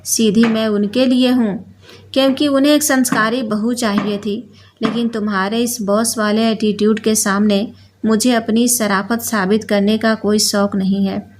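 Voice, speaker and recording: A woman voicing a bold young bride who speaks calmly but cuttingly. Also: a little high, unhurried, slight background noise, natural voice. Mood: defiant. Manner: calm but cutting, defiant. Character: bold, sharp-tongued young bride, a surgeon.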